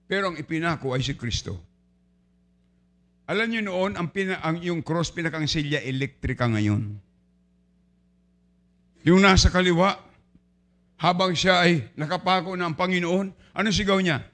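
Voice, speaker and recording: A pastor preaching a sermon in a church, swinging from quiet asides to shouted points. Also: male voice, high voice, normal speed, long pauses.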